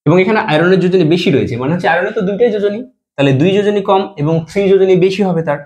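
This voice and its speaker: A man's voice: sits high, rapid-fire, darkish tone. A man teaching a chemistry lesson, explaining step by step and answering his own questions, dropping his voice at the end of each compound name.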